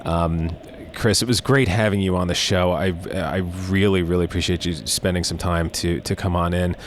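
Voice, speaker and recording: A man hosting a casual horror-themed interview show, speaking appreciatively with hesitant, drawn-out phrasing. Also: low voice, fairly even intonation, slight background noise.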